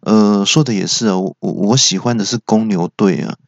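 A man's voice: lowish voice, normal speed, vocal fry, dry recording. Guy doing a goofy spaced-out monk dentist, stammery, kinda dull lo-fi sound. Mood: dithering. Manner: dithering, stammering, offhand. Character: goofy absent-minded male monk dentist. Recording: dull lo-fi podcast audio.

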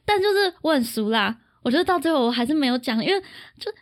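A woman with a Taiwanese Mandarin accent co-hosting a podcast, telling travel stories in a casual, animated way and laughing often. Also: high-pitched, fast. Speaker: podcast co-host. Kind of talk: casual chat.

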